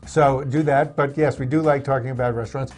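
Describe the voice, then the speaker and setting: A man's voice: medium pitch, fairly even intonation, brisk, darkish tone, faint music behind. Man bantering as a talk show co-host. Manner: teasing, playful banter. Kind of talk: casual chat.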